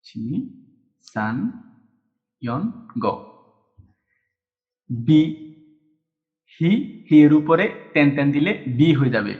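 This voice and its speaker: A man's voice: on the high side, takes it slowly, long pauses. A man teaching a language lesson step by step, patiently repeating each sound and counting strokes aloud. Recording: dull lo-fi recording.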